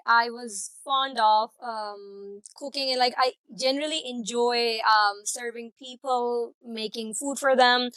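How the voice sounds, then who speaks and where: A woman's voice: a little high, a bit bright, clear, resonant tone, no echo, poor audio. A woman from Karachi, Pakistan, in her thirties, answering casual interview questions as a guest, with many "like" and "um" fillers. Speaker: guest, food blogger.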